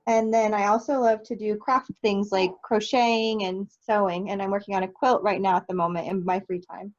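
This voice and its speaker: A woman's voice: medium pitch, steady tone, a little fast, highs cut off. A young woman from Nebraska, a teacher answering interview questions in a cheerful, easygoing way. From Nebraska, United States. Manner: cheerful, easygoing, light laughs. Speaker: third grade teacher, guest.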